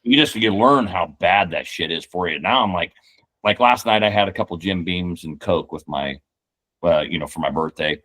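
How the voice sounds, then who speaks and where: Iowa man, 40, deep-voiced podcast guest, blunt and jokey. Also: normal speed, a bit bright. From Iowa, United States. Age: 40s. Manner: joking, blunt, swears casually. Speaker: guest hunter. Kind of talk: casual podcast chat.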